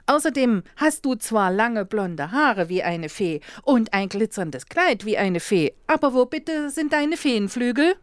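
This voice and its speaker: A woman's voice: a little high, very animated, measured pace, hardly any pauses, dry recording, clean studio sound, pitched above the performer's own voice. A woman voicing a sleepy little girl who sounds puzzled and a bit offended.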